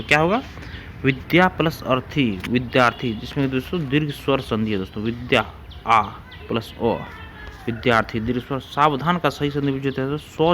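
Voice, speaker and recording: A man's voice: mid-range voice, fairly bright tone, slight background noise. A man teaching an exam-prep grammar lesson, repeating rules and examples and calling his listeners friends.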